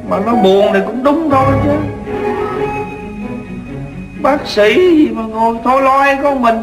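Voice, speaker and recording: This actor's voice is very high and his speed normal as he plays a fussy, good-natured middle-aged country father in a radio drama styled after old radio shows. He sounds pondering, using a Southern Vietnamese accent and a folksy, exclamatory way of bossing people around, repeating his orders. The recording has a roomy echo with music.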